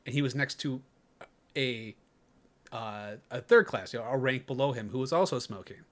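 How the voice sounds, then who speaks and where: A young man who is a former Navy corpsman, telling a war story in casual podcast chat, profane and animated, laughing through his punchlines. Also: medium pitch, normal speed.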